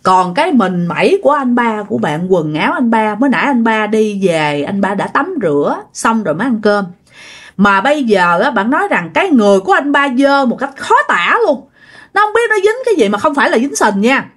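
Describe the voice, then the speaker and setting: A woman's voice: fairly high pitch, sing-song, fairly quick. A woman with a Southern Vietnamese accent, narrating a ghost story in a chatty way that talks straight to her listeners. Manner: chatty, addresses listeners directly.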